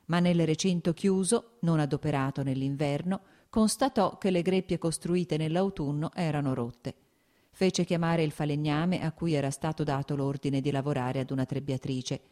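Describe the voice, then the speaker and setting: A woman reads a classic novel aloud in a measured, even pace. Her voice sits on the lower side for a woman. The delivery is calm, literary narration. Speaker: audiobook narrator. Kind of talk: scripted narration.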